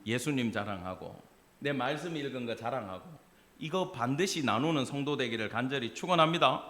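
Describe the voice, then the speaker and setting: Gyeongsang-accent pastor guy preaching, animated, acts out voices, pitch jumps around a lot. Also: a little fast. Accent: Gyeongsang Korean. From Gyeongsang region of Korea. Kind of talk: sermon.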